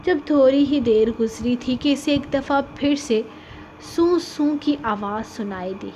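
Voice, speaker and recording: High-voiced woman narrating a romance novel. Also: warm tone, slight background noise, poor audio. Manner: dramatic storytelling. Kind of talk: audiobook novel reading.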